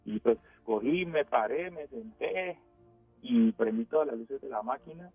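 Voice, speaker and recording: A man calling in to a radio show, telling a frightening story of his own in a hesitant way, with many pauses. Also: mid-range voice, expressive, dry recording, faint music behind. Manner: hesitant, full of pauses and fillers. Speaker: caller. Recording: dry tinny phone line.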